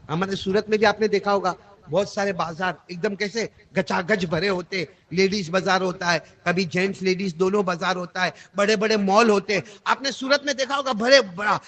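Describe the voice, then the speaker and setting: A man preaching through a story, animated and calling on the audience to repeat after him. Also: sits high. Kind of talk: storytelling sermon.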